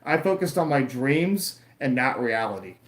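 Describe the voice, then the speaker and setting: A man's voice: medium pitch, lively intonation, moderate pace, reverberant. Rambling young man chatting to his stream. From Florida. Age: 20s. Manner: rambling, chatty, answers live chat, self-mocking. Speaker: YouTuber streaming a wrestling watch-along. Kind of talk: casual live-stream chat.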